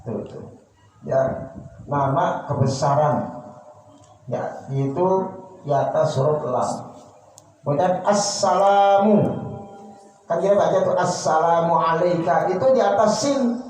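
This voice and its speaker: A man's voice: a little high, slow, pauses often, a little mellow. A man teaching a religious study lesson in a prayer room, patiently repeating and drilling each pronunciation. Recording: roomy, distant echoey prayer room.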